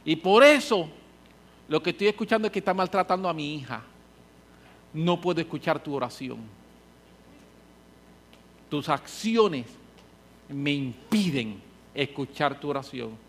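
Man doing God, stern divine father, scolding, loud, emphatic, high-pitched. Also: animated, measured pace, long pauses, a little hiss or hum.

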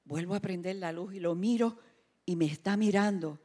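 A woman preaching a sermon, telling a personal story with quoted voices, dropping to hushed tones and rising to emphatic passages. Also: on the low side, normal speed. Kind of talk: sermon testimony.

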